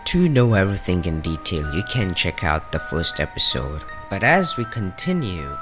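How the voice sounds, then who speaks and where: Over clearly audible music, a man narrates scripted game lore dramatically and with animation. His voice is on the low side yet swings widely in pitch, rising and falling for emphasis.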